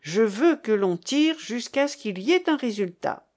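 A woman reading a fierce, gruff marquis. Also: a little high, lively intonation, a little slow, a little mellow. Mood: gruff insistent. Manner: curt, commanding.

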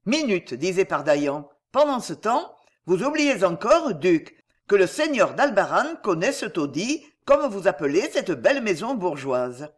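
An audiobook reader voicing a forceful, insistent male adventurer giving urgent advice in a historical novel. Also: mid-range voice, big pitch swings, measured pace.

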